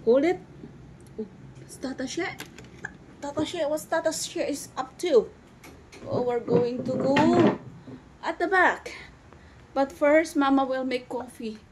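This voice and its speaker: A woman's voice: high-pitched, a little slow, pauses often, background noise. A woman with a Filipino accent, a vlogging mother chatting in sing-song baby talk to her little daughter while doing chores at home. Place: home, kitchen and backyard laundry area.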